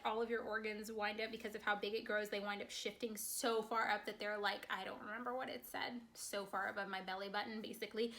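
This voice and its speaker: Fast-talking congested woman vlogger. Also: a little high, bright, forceful tone. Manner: talks very fast, chatty. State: short of breath. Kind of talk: casual chat to camera.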